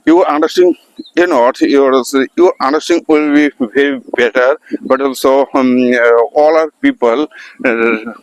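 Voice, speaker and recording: Here the English teacher's medium-pitched voice is clear and resonant, though the recording is dry and low quality. His informal pronunciation lesson is full of hesitation, fillers and restarts.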